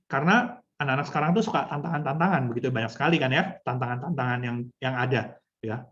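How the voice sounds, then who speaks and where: A woman's voice: extremely low pitch, fast talker, highs cut off. A woman trainer teaching a storytelling workshop for children's ministry. She speaks instructively, addresses her listeners often and acts out short examples. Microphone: video call.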